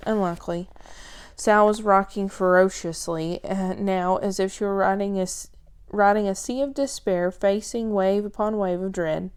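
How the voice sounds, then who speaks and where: A woman reading a children's chapter book aloud, calm and steady. Her voice is smooth and clear, sitting at a middle pitch for a woman. She trips over a word now and then but keeps going. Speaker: storyteller.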